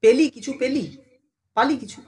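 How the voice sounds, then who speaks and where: A teacher giving a casual online class who speaks familiarly to the students, keeps asking if they follow, and slows down to sound out syllables one by one. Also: high voice, crowd noise. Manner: addresses students familiarly, asks them constant check questions.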